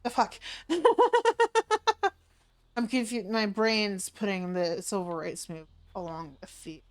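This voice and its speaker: A woman's voice: fairly low pitch, a little slow, clear, resonant tone. A woman hosting a game livestream, talking casually in a monologue to her viewers.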